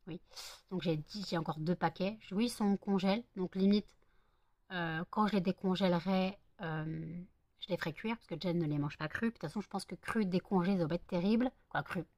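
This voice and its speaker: A woman's voice: fairly low pitch, a little mellow, no echo. A woman vlogging casually at home, rambling and thinking aloud with many hesitations. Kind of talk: casual chat to camera.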